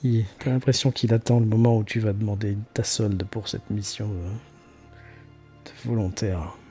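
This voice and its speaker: A man's voice: on the low side, steady tone, normal speed, mellow, slightly rough. A man narrating an improvised tabletop role-playing game as game master. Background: faint music.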